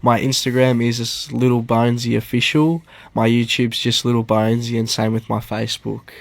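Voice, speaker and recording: A man from Australia's Central Coast, a podcast guest chatting casually with brief, low-key answers. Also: monotone, moderate pace, vocal fry, dry recording. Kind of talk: casual chat.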